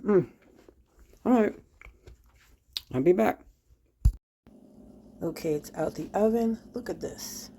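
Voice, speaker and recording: A woman's voice: medium pitch, expressive, takes it slowly, long pauses, mellow, a little hiss or hum. A woman chatting casually to her viewers while baking at home in her kitchen, sometimes with her mouth full. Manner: chatty, talks to viewers while cooking, hums while tasting; talks with mouth full at times.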